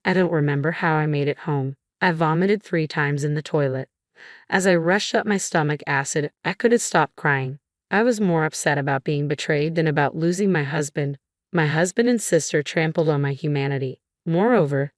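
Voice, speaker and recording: A woman narrating a first-person revenge story in a measured, scripted way. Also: sits low, no echo, clean studio sound.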